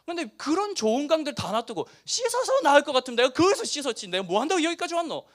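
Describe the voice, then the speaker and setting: A pastor voicing an angry, proud army commander, ranting indignantly in a Busan dialect. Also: male voice, very high-pitched, very animated, fast talker, pitched above the performer's own voice, heavily acted. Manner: indignant, shouting rhetorical complaints. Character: furious proud male army commander, middle-aged.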